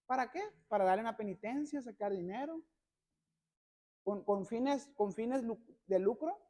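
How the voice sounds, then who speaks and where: A male pastor preaching a sermon, constantly addressing the congregation as brothers and building to loud, emphatic passages. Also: extremely high pitch, expressive, normal speed. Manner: peppers every phrase with "hermanos".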